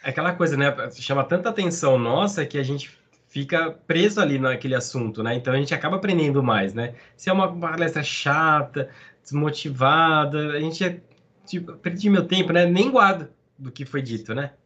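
Husky-voiced man co-hosting a podcast. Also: a little high, moderate pace, a bit bright. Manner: agreeable, ends phrases with "né". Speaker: podcast co-host. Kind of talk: casual podcast chat. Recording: slightly dull lo-fi sound.

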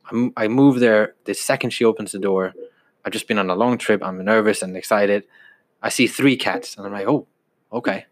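A man in his twenties from Denmark, chatting on a podcast. His voice sits low, and he tells his stories in a relaxed, unhurried way, sometimes restarting a sentence. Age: 20s. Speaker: podcast co-host. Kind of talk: casual chat.

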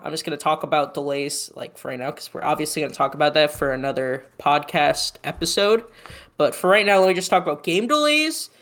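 A man's voice: high voice, fairly bright tone. Opinionated young man on a podcast. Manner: opinionated, teasing, hesitant restarts. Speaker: podcast co-host. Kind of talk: casual gaming news chat.

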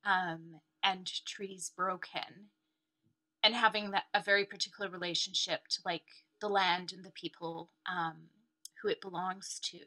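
A woman from Ontario, Canada, a dancer and researcher, is a guest in a casual interview chat over a video call, talking reflectively with many "like"s and "um"s. Her lowish voice has fairly even intonation, a moderate pace and a pushed, bright quality. The recording is low quality.

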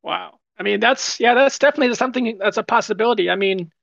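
A man's voice: high voice, fast, vocal fry, fairly bright tone, no room sound, lo-fi sound. A man on a community call, answering in a chatty way, repeating words and asking "right?". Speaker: project team member. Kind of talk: casual AMA chat.

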